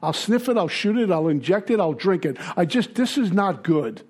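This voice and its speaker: Brooklyn-accented man, recovery meeting speaker, blunt and halting, a touch high. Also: very animated, darkish tone, husky. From Brooklyn, New York. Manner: blunt, halting, with many fillers. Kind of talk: personal testimony talk.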